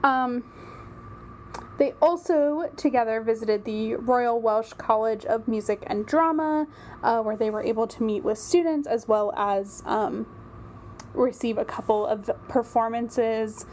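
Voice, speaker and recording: A woman's voice: fairly high pitch, unhurried, a little mellow, slight background noise. Chatty woman, rambling commentary. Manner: chatty, rambling, frequent ums. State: a little out of breath. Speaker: royal news commentator. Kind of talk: casual solo commentary.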